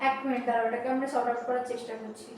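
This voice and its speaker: A high-pitched woman teaching a math lesson online, walking through each step and pausing to check that her students follow. Her voice booms back in a heavy cavernous echo and sounds distant from the mic. Faint noise sits underneath. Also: level tone. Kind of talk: online class lecture.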